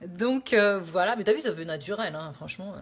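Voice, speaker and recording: A woman's voice: medium pitch, animated, fairly quick. A woman hosting a casual live cooking stream from her home kitchen, chatting with viewers through her phone and rambling with many fillers.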